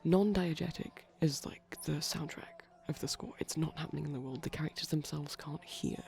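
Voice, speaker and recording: Here the shy pastel vampire boyfriend, voiced by an ASMR performer, chatters softly over a film on the TV at a moderate pace. His medium-pitched voice is breathy and full of creak, frequently slipping into whispers, while faint music plays behind him.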